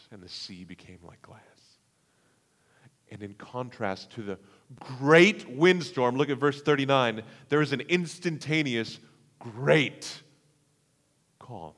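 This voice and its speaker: Man preaching in a reverberant hall. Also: on the low side. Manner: dramatic swings between hushed and loud delivery. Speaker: pastor. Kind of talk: sermon.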